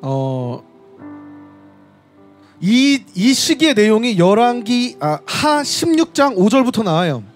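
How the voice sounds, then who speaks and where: Man preaching outdoors, very high voice, faint music underneath, storytelling delivery. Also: very animated, slow, pauses often. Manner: storytelling, reading scripture aloud and addressing the audience directly. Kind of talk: sermon at a street worship service. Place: outdoor street worship service.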